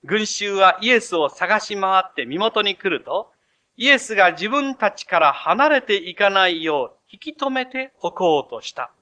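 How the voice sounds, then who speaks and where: A male pastor preaches on scripture in a storytelling manner and dramatizes the scenes. His voice sits high and bright, and his pitch rises and falls a lot. He often drops to a soft, quiet delivery. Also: animated, unhurried. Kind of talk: expository sermon.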